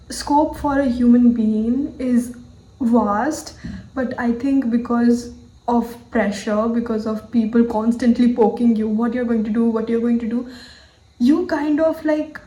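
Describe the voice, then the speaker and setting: In a personal video journal, a vlogger in her twenties thinks aloud with candor, her speech peppered with "like" and "you know." Her voice is mellow and a little high, with an Indian English accent. The room is echoey and the recording rough.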